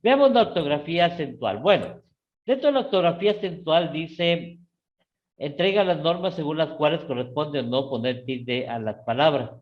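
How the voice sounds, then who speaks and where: A middle-aged man with an Ecuadorian Spanish accent teaching a live class, often checking in with his students and rising sharply in pitch on key words. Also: highs cut off. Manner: repeats "¿sí?" and "¿no es cierto?" to check on students; lively, with sudden rises in pitch.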